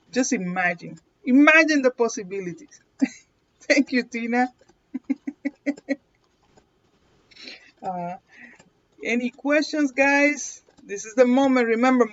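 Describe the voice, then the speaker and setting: A woman with a Puerto Rican accent speaks slowly in a fairly high voice, pausing often, as she hosts a casual live card reading. She's chatty, laughs frequently, and keeps asking viewers "okay?" over dull lo-fi stream audio.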